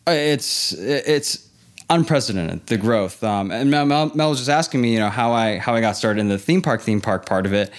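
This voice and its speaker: Appearing as an interview guest, a theme park professional born in LA and raised in Hong Kong recounts a casual story. He speaks at medium pitch and normal speed, performing the dialogue with animation.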